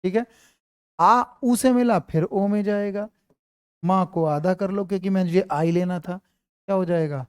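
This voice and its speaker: A man's voice: high voice, measured pace, clear, resonant tone, no room sound, studio quality. A man teaching an online grammar class, quizzing his students and repeating his questions.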